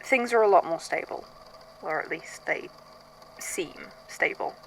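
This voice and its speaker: A voice actor in a fan fiction audio drama plays a weary, haunted archivist who records statements of uncanny events. The monologue is hesitant, introspective, and conversational, with a haunted, reflective mood. The voice is medium-pitched and gravelly, with lively intonation and a slightly slow pace, over background noise.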